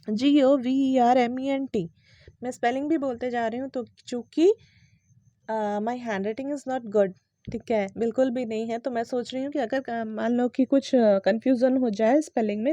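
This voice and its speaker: A woman with an Indian English accent teaching an English pronunciation lesson, patiently repeating each word slowly and switching between Hindi and English. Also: a little high, dark tone, dry recording, highs cut off.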